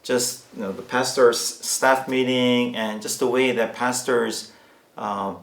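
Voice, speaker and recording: A Korean American male pastor speaks very slowly and thoughtfully at a middle pitch. He pauses often and mixes in Korean words, with his voice echoing in a roomy space. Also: fairly even intonation, fairly bright tone. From United States. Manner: halting, thoughtful, with Korean words mixed into English. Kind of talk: informal interview answer in church. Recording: roomy echo.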